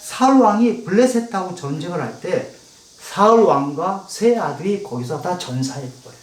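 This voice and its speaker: A man's voice: sits high, moderate pace. A male pastor preaching a sermon, acting out heated prayers and asking the congregation questions. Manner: animated, acts out heated prayers to God. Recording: echoey room, voice from a distance.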